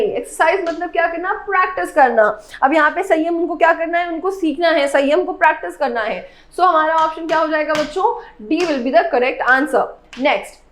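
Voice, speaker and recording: A woman teacher with an Indian accent works through exam answers one step at a time and keeps asking the class if they follow. Her voice sits high, and the room gives it a clear echo. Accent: Indian English. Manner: explains step by step, often asks "got it?". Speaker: English teacher at a defence exam coaching class. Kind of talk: bilingual exam solution lesson.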